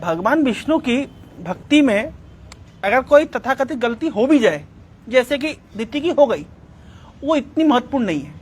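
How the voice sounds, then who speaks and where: A man giving a devotional talk, retelling scripture as a lively story and slipping English words into his speech. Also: extremely high pitch, moderate pace, husky. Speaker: religious speaker.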